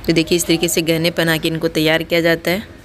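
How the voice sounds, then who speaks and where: A woman's voice: low voice, completely flat delivery, quick pace. A woman with a Rajasthani accent narrating a village wedding ritual for her vlog, explaining each step to viewers as it happens. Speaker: vlogger. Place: outdoors at a crowded village wedding. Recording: noisy phone video in a crowd. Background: crowd of women and loud ambient noise.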